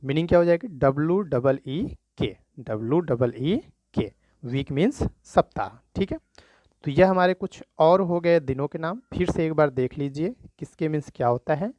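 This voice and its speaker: A man teaching a children's spelling lesson, slowly spelling words letter by letter and often checking in with "thik hai". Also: a little high, darkish tone, no echo.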